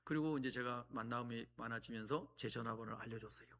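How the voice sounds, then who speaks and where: A middle-aged man preaching a sermon as a guest preacher, telling stories with sudden loud exclamations. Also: mid-range voice, fast talker, vocal fry. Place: church sanctuary.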